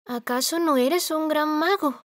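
A woman's voice: sits high, unhurried, dry recording, studio quality, voice pushed up. Woman doing Dorothy, an earnest young girl.

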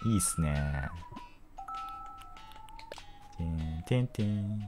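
Excitable young man commenting on a game. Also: low voice, music in the background. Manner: excitable, jokey, quick exclamations and laughter.

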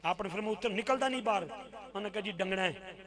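High-voiced man preaching to a crowd. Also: fast talker. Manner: swings from soft storytelling to loud, shouted chanting with the crowd. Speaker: devotional speaker at a religious gathering. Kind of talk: impassioned devotional address to a live gathering. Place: live religious gathering with an audience. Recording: live event with crowd noise.

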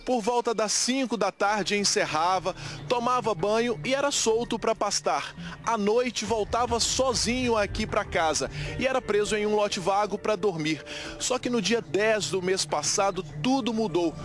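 A man's voice: high voice, moderate pace. A Brazilian man narrating a scripted television news report as its reporter. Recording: TV report with loud music bed.

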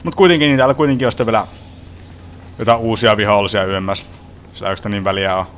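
A man's voice: lowish voice, steady tone, fairly bright tone, slight background noise. A young man casually commenting on his own gameplay from home, swearing often and grumbling at the game. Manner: swearing, frustrated, chatty. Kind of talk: casual let's play commentary.

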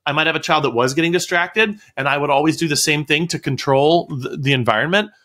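A man on a podcast telling relaxed stories about teaching in his music studio, often wandering off topic and laughing. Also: a little high, quick pace. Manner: storytelling, digresses and laughs. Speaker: guest, music studio owner. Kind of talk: casual podcast conversation.

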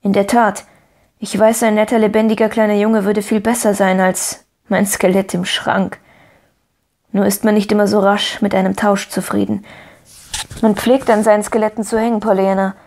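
A woman voicing a lonely, gruff older gentleman who speaks firmly. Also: mid-range voice, flat delivery, normal speed, close to an everyday voice. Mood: stern.

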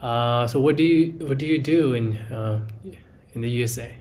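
A man's voice: medium pitch, normal speed, darkish tone. Hesitant young man. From grew up in India. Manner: hesitant, many fillers and restarts. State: has a cold. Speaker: English learner. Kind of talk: casual video-call chat. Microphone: earbuds on a video call.

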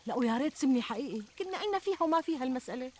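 An actress playing a plump, middle-aged Syrian housewife who complains expressively and plaintively in a TV comedy. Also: female voice, high voice, animated, very fast, darkish tone. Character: plump, fretful, self-deprecating housewife and mother. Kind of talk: conversational TV comedy sketch acting. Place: outdoors in a garden. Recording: outdoor ambience, trickling water noise.

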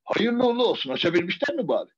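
A man's voice: high-pitched, big pitch swings, racing, breathy edge, full character voice. A man voicing Karagöz, a blunt and teasing common man in a traditional shadow play, heard over a video call. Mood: mocking. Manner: brash, teasing, playing dumb. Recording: muffled video-call audio with background noise.

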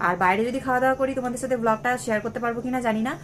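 Fast-talking Bengali woman vlogging at home. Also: on the high side, steady tone. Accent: West Bengal Bengali. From West Bengal, India. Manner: chatty, addresses viewers as friends. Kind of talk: casual vlog chat to viewers. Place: home, indoors.

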